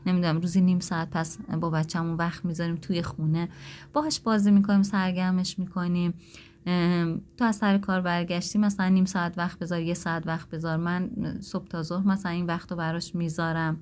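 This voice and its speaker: A woman's voice: on the low side, darkish tone, slight background noise. A woman giving direct, coaching parenting advice to listeners, at times acting out sample lines between spouses. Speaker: parenting advisor.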